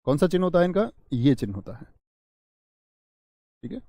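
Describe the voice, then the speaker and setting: A man's voice: on the high side, very animated, moderate pace, warm tone, dry recording, clean studio sound. A male teacher running a live online grammar class, reading out students' sentences, praising them by name and acting out each exclamation. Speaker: Hindi teacher.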